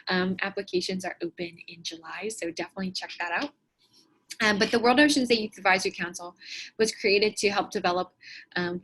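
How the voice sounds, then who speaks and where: A woman's voice: medium pitch, a bit bright, low-quality recording. A woman introducing a youth council on a video-call live stream, chatty and full of ums and restarts. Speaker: host.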